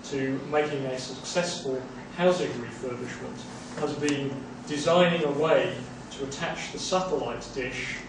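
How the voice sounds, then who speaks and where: A man's voice: medium pitch, unhurried, few pauses. A man giving a seminar, answering a question in a conversational way and restarting phrases as he thinks, in a small seminar room. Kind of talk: academic Q&A answer. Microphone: far room camera mic. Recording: echoey room from far off, background hiss.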